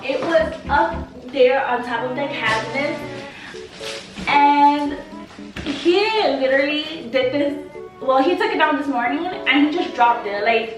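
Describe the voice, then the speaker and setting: A high-pitched young woman chatting away in a casual vlog, self-mocking and talkative. Her voice bounces around a very echoey room, picked up by a camera mic set well back from her. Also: distant mic. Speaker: vlogger. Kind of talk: casual chat. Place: apartment living room.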